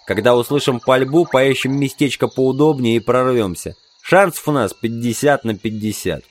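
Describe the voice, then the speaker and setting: A man's voice: medium pitch, normal speed, lightly acted. A man voicing a burly, practical infantry sergeant who talks matter-of-factly. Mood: plain.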